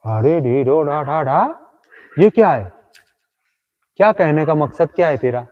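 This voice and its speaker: Guy doing a live ghost-prank stream at night, highish voice, kinda muffled lo-fi sound, keeps ribbing the ghost. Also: lively intonation, a little slow. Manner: teasing, talks directly to an unseen ghost. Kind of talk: comedic live-stream commentary. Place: outdoors at night.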